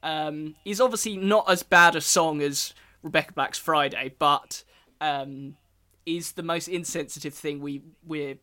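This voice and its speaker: Podcast host, man, bright and slightly high voice, halting casual delivery. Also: steady tone. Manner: hesitant, lots of ums and restarts.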